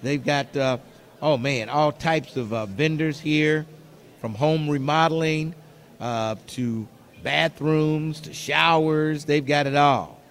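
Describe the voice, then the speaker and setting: A male radio host with a fairly high voice runs a live contest promo. He repeats his key phrases and numbers for emphasis, talking to listeners and callers as he goes. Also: fairly even intonation, takes it slowly. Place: live broadcast booth at a trade show.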